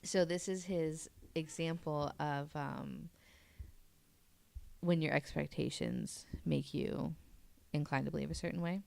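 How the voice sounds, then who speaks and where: Speaking as a podcast guest, a woman informally walks through an article she read, paraphrasing it in a relaxed way. Her deep, darkish voice has vocal fry, a fairly even intonation and an unhurried pace.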